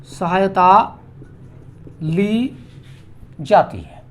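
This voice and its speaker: Male teacher, high voice, very slow delivery, drawn-out repeated vowels, grammar lesson.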